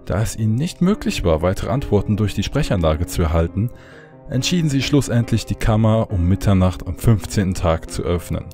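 A man narrating a horror story in a calm, measured way. His voice is low and dark in tone, and soft music runs quietly beneath him.

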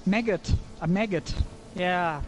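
High-voiced man explaining raid tactics. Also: slow, background noise. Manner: explains with many fillers and restarts. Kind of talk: game voice chat.

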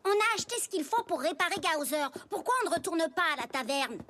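Cartoon pig sidekick: small, cheeky, high-pitched, bluntly exasperated. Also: female voice, lively intonation, quick pace, sharp tone, slight background noise, full character voice. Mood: blunt, advising. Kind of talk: French anime dub.

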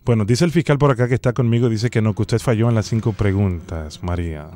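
A young adult man from the Dominican Republic hosts a prank call show, posing as an official in a deliberate, formal, official-sounding manner. His voice is fairly low and warm, captured by a close studio microphone on a boom arm in a small home studio, with a little hiss or hum.

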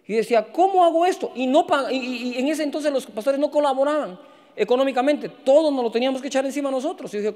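A man, a pastor, telling a personal story in a sermon, animated and acting out the dialogue with sudden jumps in pitch. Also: in a large hall.

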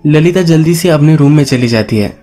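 A man's voice: fairly high pitch, a little fast, dark tone, faint music behind. A man narrating a movie story recap in casual storytelling style, mixing English words into his talk. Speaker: movie explainer.

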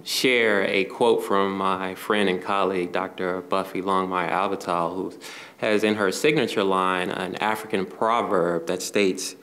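A man speaking deliberately as a panelist in a conference room. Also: deep voice, a bit bright. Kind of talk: panel discussion.

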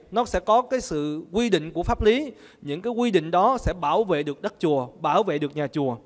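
A man's voice: high voice, long reverb tail. A man, a Buddhist monk, gives a sermon and keeps asking the audience questions that he then answers himself. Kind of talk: sermon with call-and-response questions.

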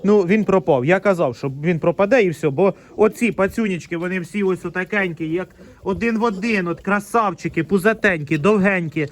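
In a casual vlog, a pig farmer with a high-sitting voice chats a little fast while showing off his pen. He's fond of the piglets but also scolds them.

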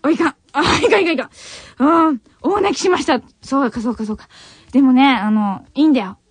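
A young woman from Japan's Tokai region hosts a late-night radio show in Nagoya dialect, reading listener letters into a studio radio mic. She says an emotional farewell, her voice worn from crying and choking with tears between laughs. Her voice sits high and brisk; the recording is dry but heard on a muffled old cassette tape.

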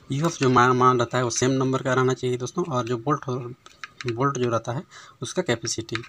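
Man, TV repair tutor, chatty and relaxed, phone mic over the bench, faint hiss. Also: medium pitch. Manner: conversational, keeps adding "है ना" and "दोस्तों". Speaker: TV repair instructor. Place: workshop bench, voice behind handheld phone camera.

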